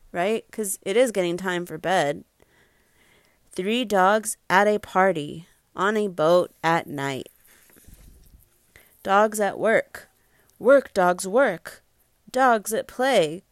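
A woman's voice: medium pitch, dry recording, studio quality. A woman reading a children's picture book aloud to a young child at home, patiently stopping to ask simple questions.

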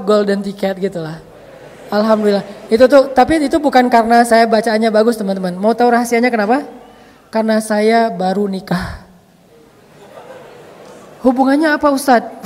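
Joking Indonesian preacher in a reverberant hall. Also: male voice, very high-pitched. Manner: lively storytelling with jokes and laughter. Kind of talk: casual humorous sermon.

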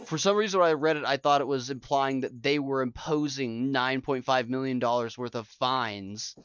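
A man's voice: medium pitch, moderate pace, smooth, dry recording, highs cut off. A man co-hosting a casual gaming news chat, reading out news items and giving blunt opinions. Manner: reads news items aloud, animated and blunt. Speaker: podcast co-host.

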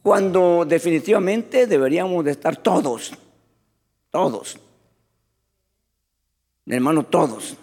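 Animated preacher in an echoing hall. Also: male voice, a little high, slow, pauses often, slightly rough. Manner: animated preaching, often calling the congregation "hermano". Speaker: pastor. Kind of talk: sermon.

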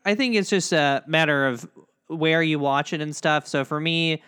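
A man's voice: fairly high pitch, normal speed, a bit bright, clear, resonant tone. A man co-hosting a podcast in casual chat, chatty and playful. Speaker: podcast co-host.

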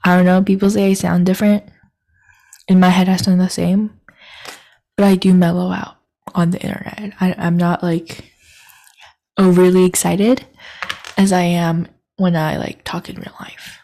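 A woman's voice: lowish voice, level tone, moderate pace, creaky, pauses often, warm tone. A young woman hosting her own podcast, chatting in a scattered, self-deprecating, giggly way into a microphone. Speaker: podcast host. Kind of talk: rambling solo podcast chat.

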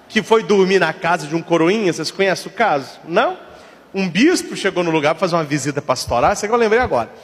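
A Brazilian-accented priest tells humorous stories during a sermon. His voice sits very high and swoops animatedly. A long hall reverb hangs behind him. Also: husky. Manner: animated, playful joke-telling.

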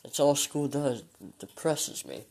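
A man's voice: medium pitch, animated, a little slow, vocal fry, a little mellow. Weary young man rambling into a phone. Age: late teens. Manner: hesitant, full of ums and trailing sighs. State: weary and low. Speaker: solo podcaster. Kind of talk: rambling casual monologue.

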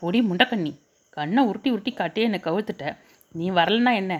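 A man's voice: high-pitched, a little fast. A woman voicing a playful young man who teases and coaxes his fiancée, in a storybook reading. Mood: teasing. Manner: teasing, coaxing. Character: playful young male lover, teasing.

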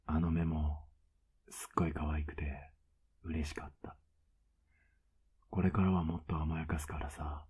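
Whispered role-play, male voice actor as a doting older boyfriend: husky, very low, flat and coaxing. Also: unhurried, pauses often, exaggerated voice. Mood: teasing tender. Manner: teasing, soft-spoken, coaxing.

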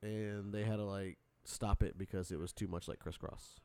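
A man's voice: on the low side, fairly even intonation, moderate pace, darkish tone, smooth, no room sound. Casual, playful man hosting, dry close sound. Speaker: radio show host. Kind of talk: casual banter among co-hosts.

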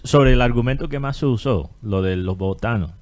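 A man's voice: medium pitch, fairly quick, darkish tone. A man with a Colombian Caribbean coast accent, co-hosting a casual opinion chat and arguing his point with rhetorical questions. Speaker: podcast co-host.

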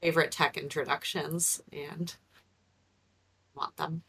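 A woman's voice: low-pitched, little pitch movement, slow, gravelly, fairly bright tone, slight background noise. A woman on a casual book podcast, speaking in an easygoing, rambling way. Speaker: podcast guest.

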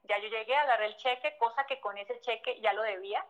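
A woman's voice: a little high, brisk, poor audio. Mexican woman telling a heartfelt story. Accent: Mexican Spanish. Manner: emotional, vivid retelling that acts out past conversations, frequent "o sea" fillers. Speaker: guest, former model. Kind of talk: personal storytelling in a conversation.

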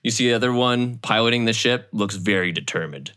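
A game master narrating a tabletop game in a casual, quick way with many fillers. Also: mid-range voice, fairly bright tone, clean tone.

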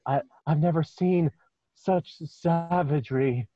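A man's voice: on the high side, slow, dark tone, no echo, lo-fi sound, pitched above the performer's own voice. A man voicing a horrified hobgoblin in a tabletop game, muttering and stammering in shock. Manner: muttering under the breath, stammering. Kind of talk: tabletop game role-play.

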